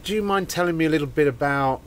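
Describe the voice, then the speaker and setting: Very deep-voiced woman host. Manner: encouraging, with frequent short affirmations and quick questions. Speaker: podcast host. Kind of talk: casual interview chat. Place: bookshop, live recording.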